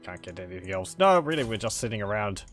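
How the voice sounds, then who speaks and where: A man giving casual, halting gameplay commentary, thinking aloud as he chats with his viewers. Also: on the low side, big pitch swings. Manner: musing aloud, chuckling, halting. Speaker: video game streamer. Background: game music.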